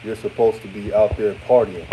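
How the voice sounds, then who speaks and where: A Houston, Texas man in his 30s, whose deep voice sounds older than he is, talks sports on a casual live stream from his room after a game. He's relaxed and chatty, fairly quick, repeating himself and trailing off as he reads chat comments and tosses out hot takes over a noisy hum.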